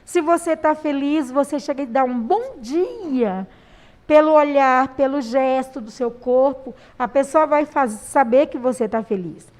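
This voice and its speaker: A Brazilian woman teaching a primary school language lesson, explaining patiently with pauses and fillers. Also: high voice, steady tone, a little mellow. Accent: Brazilian Portuguese. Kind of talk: recorded classroom lesson.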